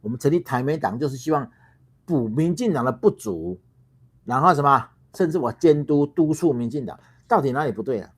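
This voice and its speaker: A man's voice: medium pitch, animated, fairly quick, slightly rough. A middle-aged man from Taiwan, a party founder hosting a heated political livestream, ranting with rhetorical questions, repeated words and swearing.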